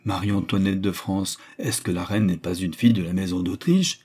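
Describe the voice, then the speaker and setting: A haughty older cardinal-prince speaks with lofty, imperious scorn, as a male reader puts him on. His voice sits low, dark and husky. The storybook delivery keeps his tone proud and commanding. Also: fairly even intonation, moderate pace.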